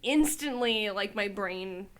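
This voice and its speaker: A woman's voice: mid-range voice, takes it slowly. A young woman co-hosting a podcast, chatting casually with lots of fillers and swearing. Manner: swearing, many "like" fillers, animated storytelling. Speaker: podcast co-host. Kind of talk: casual chat.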